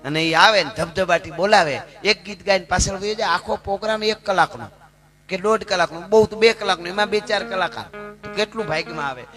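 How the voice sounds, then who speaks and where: High-voiced storyteller man. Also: brisk, sharp tone. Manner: dramatic, emphatic, slips into characters' voices and chanted verse. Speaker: folk storyteller and dayro performer. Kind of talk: live folk storytelling with sung verses. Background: accompanying music.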